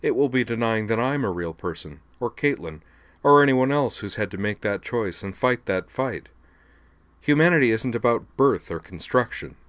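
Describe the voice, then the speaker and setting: A man voicing a defiant young woman who speaks with earnest, measured resolve before a board in an audiobook. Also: medium pitch, lively intonation, fairly bright tone, dry recording, pitched above the performer's own voice, lightly acted. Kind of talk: audiobook dialogue.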